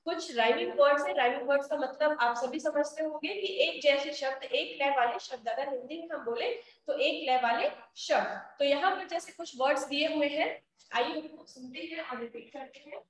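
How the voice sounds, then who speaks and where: High-voiced Indian woman teacher, echoey. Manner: explains slowly, mixes Hindi and English. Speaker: school English teacher. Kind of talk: online class lesson. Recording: echoey, distant from the mic.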